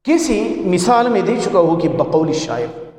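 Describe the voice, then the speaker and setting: A man with a Pashto accent teaching a class, explaining slowly and repeating each example. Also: sits high, big pitch swings, darkish tone. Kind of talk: classroom lecture on punctuation. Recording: echoey room with long reverb.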